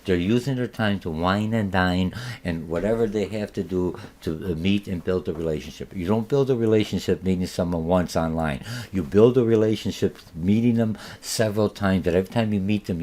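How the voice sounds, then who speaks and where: A Polish-accented man, a native Polish speaker, delivers a recorded college marketing lecture in a low, darkish voice at a slightly fast pace. He rambles, with lots of fillers and restarts.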